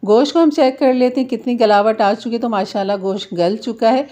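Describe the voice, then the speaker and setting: Warm-voiced woman teaching home cooking. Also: a little high, fairly quick. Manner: patient, explains the reason behind each step. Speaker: home cook, channel host. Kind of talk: cooking tutorial narration.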